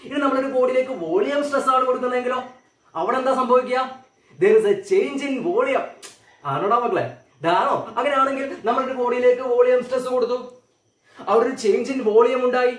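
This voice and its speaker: High-voiced Malayali man teaching physics. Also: far from the mic. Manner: asks students questions and answers them, repeats key terms slowly. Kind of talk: classroom physics lecture. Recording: echoey room, voice from off the mic.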